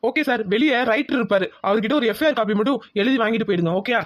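A performer doing a brisk village police inspector. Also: mid-range voice, close to an everyday voice. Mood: matter-of-fact. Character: weary village police inspector, middle-aged man. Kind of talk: cartoon voice acting.

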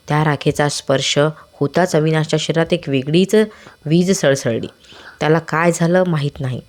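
Brief: devotional story narrator, scripted, measured and dramatic, mid-pitched.

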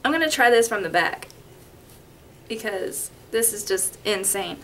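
There's slight background noise as a young Las Vegas woman chats and rambles her way through a makeup tutorial. Her medium-pitched voice is animated, unhurried, and fairly bright. She's a beauty vlogger filming in her bedroom with a front-facing webcam.

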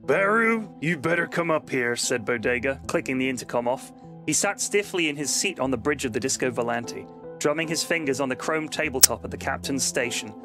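A man's voice: mid-range voice, a little fast. Man narrating a comedy story over music. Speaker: podcast host and storyteller. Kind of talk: comedy story reading and podcast chat.

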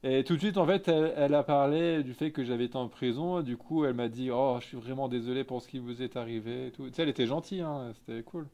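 A fast-talking man with a warm, medium-pitched voice barely pauses as he chats on a live stream. He's in his thirties, from Lorraine in eastern France and accented accordingly, answering the live chat casually and candidly in slang from a small indoor photo studio office.

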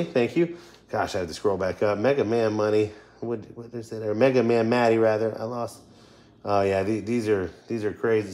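This middle-aged man talks to his livestream viewers in a casual, chatty way while scratching lottery tickets at a wooden table indoors. His voice is fairly low with a darkish tone.

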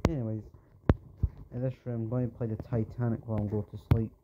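A man's voice: mid-range voice, level tone, quick pace, phone-quality sound, heavy background noise. A man giving let's play commentary, rambling and pleading with the game character as he plays. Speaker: gamer.

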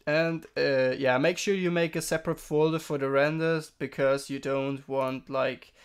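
Hoarse and sick, a young man clears his throat as he streams a relaxed screen-recorded software tutorial from home. His pitch sits on the high side with fairly even intonation at a normal speed, and he rambles, correcting himself and leaning on fillers.

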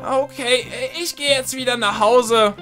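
A woman's voice: on the high side, a little slow, fairly bright tone, faint music behind. A woman, the channel host, playing an emotional fire-element boy who talks dramatically with lots of hesitant fillers in a Minecraft role-play. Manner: dramatic, whiny, many hesitant "äh"s.

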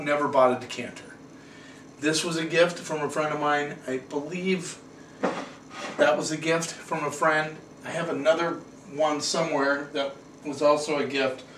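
This wine reviewer and show host, a middle-aged American man, speaks a little high with a bit of brightness. Filmed in a small indoor room, he talks casually to camera and wanders off on tangents, picked up by a distant mic with some roominess and light noise.

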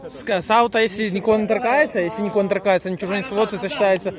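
Grumbling man on a loud sideline. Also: high voice, fairly even intonation, very fast. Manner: grumbling, scolding the players. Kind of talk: casual sideline commentary. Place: outdoor youth football pitch. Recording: outdoor crowd noise.

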